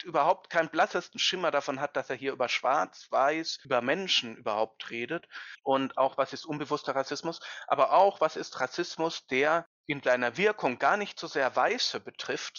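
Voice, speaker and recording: A man's voice: mid-range voice, pushed and bright, no echo. A man speaking as an expert guest in a podcast discussion, earnest and lecturing, with emphatic stresses. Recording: dull lo-fi, dry.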